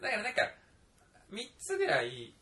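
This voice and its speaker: A young man co-hosting a casual podcast chat, animated and quick to laugh. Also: sits high. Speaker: podcast co-host.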